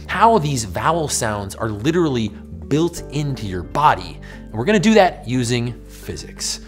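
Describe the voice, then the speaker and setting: An American man in his forties presenting a scripted but conversational educational explainer in an emphatic, animated way. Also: a little high. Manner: animated, emphatic, demonstrating mouth sounds. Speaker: host of an educational science show. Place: small furnished indoor studio with bookshelf.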